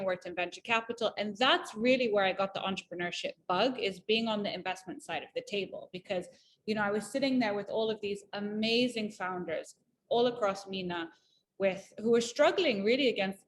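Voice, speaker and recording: Slight background noise sits under a mid-range female voice. The speaker is an entrepreneur from Malawi in her thirties, talking eagerly in a casual interview, peppering her speech with fillers and restarts.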